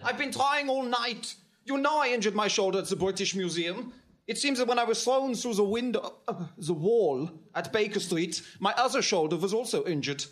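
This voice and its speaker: A man's voice: high voice, moderate pace, fairly bright tone. A man voicing a forgetful, injured German baron henchman with a put-on German accent in a comedy audio drama, flustered and eager to please. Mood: pleading.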